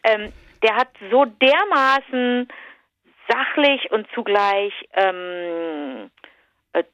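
A woman's voice: medium pitch, drawn-out words, a bit bright, dry recording, lo-fi sound. A woman co-hosting a casual chat, rambling and restarting her sentences as she tells a story. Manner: chatty, rambling, many restarts. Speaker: podcast co-host. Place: remote, talking over a call.

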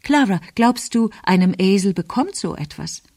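A woman's voice: medium pitch, expressive, moderate pace, darkish tone, no room sound, clean studio sound. A woman reading aloud, voicing a poised mother who makes light remarks in a storybook. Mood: amused. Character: poised English-born mother.

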